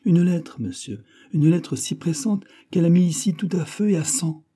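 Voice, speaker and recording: A man voicing a fat, elderly, sentimental male servant who speaks in excitable, plaintive exclamations. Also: mid-range voice, moderate pace, voice pushed up, lightly acted. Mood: eager.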